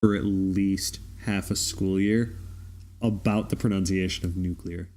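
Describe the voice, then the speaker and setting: A man co-hosting a casual movie commentary, making dry, offhand dark jokes. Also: low-pitched, fairly even intonation, a little slow. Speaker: commentary track co-host.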